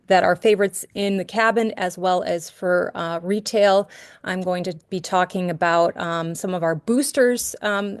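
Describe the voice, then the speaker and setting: A middle-aged New York woman with a smooth, medium-pitched voice leads an upbeat skincare training webinar over a video call, often saying um and restarting her sentences. The sound is clean studio quality with no echo.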